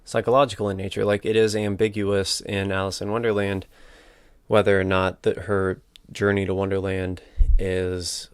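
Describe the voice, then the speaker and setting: A man's voice: low-pitched, level tone, moderate pace, clear, resonant tone, no room sound. A man hosting a casual solo book discussion. He thinks aloud and hesitates, correcting himself as he talks into a battery-powered microphone. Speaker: podcast host.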